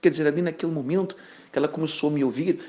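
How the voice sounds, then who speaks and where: A man's voice: on the high side, rapid-fire, dark tone. A man, a pastor, telling a personal testimony in a sermon, earnest and conversational, often tagging his sentences with a questioning aside. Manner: earnest storytelling with frequent "né?" asides.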